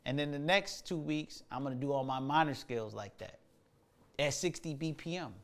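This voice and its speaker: A man's voice: a little high, normal speed, a bit bright. A man hosting a casual livestream, talking about music practice in a laid-back, slangy way, thinking aloud with lots of fillers. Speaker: musician and show host.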